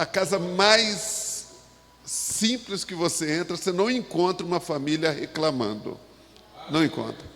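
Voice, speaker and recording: Brazilian male pastor, slightly high voice, halting sermon delivery, long church reverb. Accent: Brazilian Portuguese. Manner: halting, with many restarts and rhetorical asides. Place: church sanctuary.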